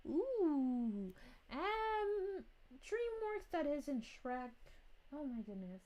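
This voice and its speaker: A woman's voice: high voice, heavily acted. A woman voicing a sweet, bubbly young princess, reading chat live in character and giggling often. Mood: cheerful. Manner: giggly, gushing, chatty.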